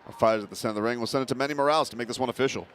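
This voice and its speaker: A man's voice: mid-range voice, rapid-fire, a bit bright, a little hiss or hum. A man calling a boxing broadcast as play-by-play commentator, summing up and handing over. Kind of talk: live sports broadcast commentary.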